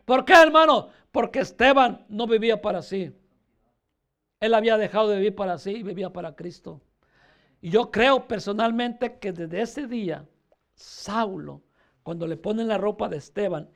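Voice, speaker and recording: Brief: male pastor, fervent sermon, very high voice with a gravelly rasp. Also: a bit bright. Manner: fervent, repeatedly addressing listeners as brother.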